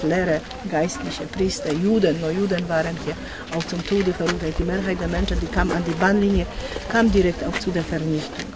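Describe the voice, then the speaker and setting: An older woman, a former teacher, guiding school groups outdoors at a memorial site, speaking earnestly with halting phrasing. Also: on the low side, poor audio. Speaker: tour guide for school groups. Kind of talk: on-site explanation. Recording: outdoor street noise.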